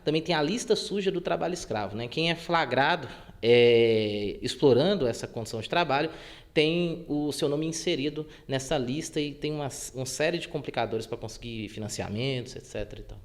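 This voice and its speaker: A man from Brazil, a labor court judge, answering interview questions in a measured way with frequent filler words. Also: medium pitch, expressive.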